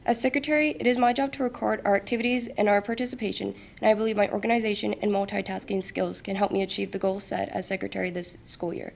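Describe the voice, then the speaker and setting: Casting: teenage female candidate, rapid scripted speech, lots of vocal fry, faint background noise. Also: mid-range voice, fairly even intonation, darkish tone. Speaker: student election candidate.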